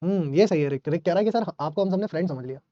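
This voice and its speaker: A man teaching a live online class, talking fast and chatty, joking while he scolds his students. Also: a little high, dark tone, no echo, highs cut off.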